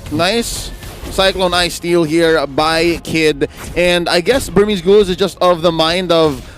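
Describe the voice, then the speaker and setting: A man working as an esports caster, giving excited play-by-play commentary in punchy, repeated calls. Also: a little high, slow pace, faint music behind.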